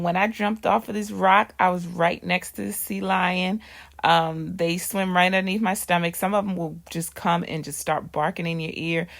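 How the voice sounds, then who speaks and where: Chatty gravelly-voiced woman narrating. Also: fairly low pitch. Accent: Baltimore. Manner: chatty, laughs often, fillers like um. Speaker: vlogger. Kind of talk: casual voice-over narration.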